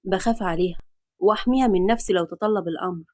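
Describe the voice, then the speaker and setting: A woman's voice: mid-range voice, racing, darkish tone, no echo, clean studio sound, pitched below the performer's own voice, lightly acted. A woman with an Egyptian accent voicing a worried young adult son in a storybook reading, earnest and anxious. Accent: Egyptian Arabic.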